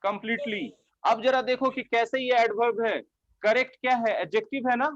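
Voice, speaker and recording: High-voiced male teacher prompting his class. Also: fairly even intonation, moderate pace, a bit bright, dull audio. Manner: prompts students for answers, repeats words. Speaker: English teacher. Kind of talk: classroom lecture.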